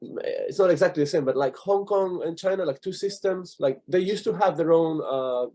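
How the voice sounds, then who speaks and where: A man's voice: on the high side, moderate pace, dark tone. Man with a Basque accent, explaining. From Basque Country, Spain. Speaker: interview guest. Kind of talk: conversational interview answers.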